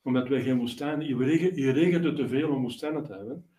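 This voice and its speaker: A male priest delivers a sermon in a warm, mid-range voice at a quick pace, explaining at length with plenty of fillers and restarts. He sounds distant, with a roomy echo around him.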